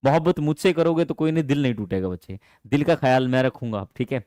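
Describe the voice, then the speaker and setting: A man teaching an online English class in Hindi, animated and affectionate, calling his students dear children. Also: mid-range voice, fast talker, smooth, dry recording, studio quality. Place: teaching from home.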